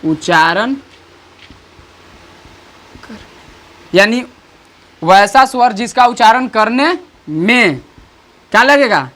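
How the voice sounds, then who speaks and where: An online teacher, explaining grammar slowly and repeatedly checking understanding with rhetorical questions. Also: medium pitch, animated, a bit bright. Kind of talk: grammar lesson.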